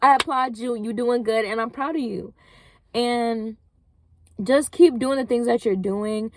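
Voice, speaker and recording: A woman's voice: on the high side, unhurried, a little hiss or hum. Young woman, rambling encouragement. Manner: rambling, heavy use of "like", encouraging. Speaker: vlogger. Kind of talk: casual motivational talk.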